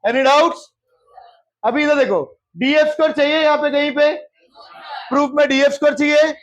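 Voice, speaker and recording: A man's voice: very high voice, fairly even intonation, moderate pace. A male math teacher, lecturing a class in geometry, often repeating questions and checking whether anyone has doubts, and mixing English terms into his speech. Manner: mixes English terms into Hindi.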